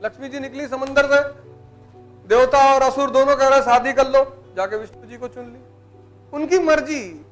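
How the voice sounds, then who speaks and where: High-voiced blunt teaching man. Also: normal speed, soft background music. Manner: blunt, teasing, colloquial advice. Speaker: motivational teacher. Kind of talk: motivational lecture to students.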